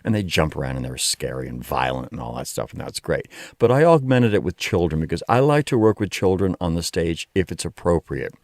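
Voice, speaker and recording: A man's voice: low voice, big pitch swings, a little fast, few pauses, a little mellow, no room sound, clean studio sound. A man talking reflectively as an interview guest, a choreographer explaining things with emphatic wording. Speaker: ballet artistic director and choreographer, interview guest.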